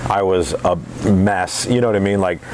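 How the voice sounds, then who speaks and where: Low-pitched man in blunt casual chat. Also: fairly even intonation, moderate pace, a little mellow, a little hiss or hum. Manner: blunt, swearing. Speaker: podcast host.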